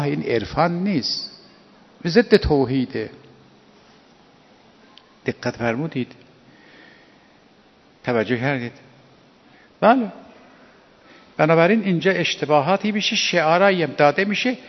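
Guy preaching a sermon, gravelly voice, kinda high, asks lots of questions, echoey hall, muffled sound. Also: long pauses. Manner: animated, lecturing, rhetorical questions. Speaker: cleric. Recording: dull recording with long hall reverb.

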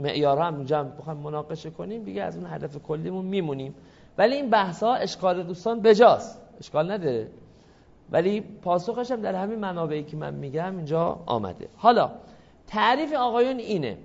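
A man giving a classroom lecture in a measured, explanatory way, politely addressing the audience and answering their questions. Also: a little high, gravelly, darkish tone, dull audio.

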